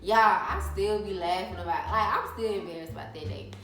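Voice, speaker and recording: A young woman from Alabama, casually telling a story to her viewers in an animated, chatty way. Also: mid-range voice, brisk, echoey room, soft background music. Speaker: vlogger.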